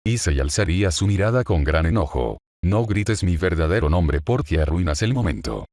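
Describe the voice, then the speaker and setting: A man narrating a fan story in a steady, dramatic storytelling manner. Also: deep voice, no room sound, studio quality.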